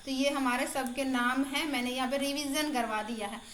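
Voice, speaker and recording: A high-pitched woman teaches an exam-prep lesson over her screen, chatty and encouraging, and she repeats each answer aloud for her students. A faint hiss sits under her voice. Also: moderate pace, a bit bright, roomy sound. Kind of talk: casual online lesson.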